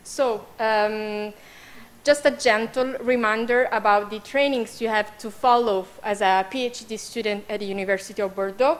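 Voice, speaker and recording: A woman with an Italian accent presenting training programs at an information session, hesitant with many fillers. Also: a little high.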